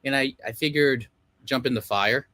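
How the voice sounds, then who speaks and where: A man's voice: mid-range voice, moderate pace, sharp tone, no room sound. A middle-aged man from Los Angeles, a film director talking casually as a guest over a video call, rambling with many fillers. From Los Angeles, United States. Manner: rambling, many fillers, self-deprecating laughs. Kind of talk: casual interview talk.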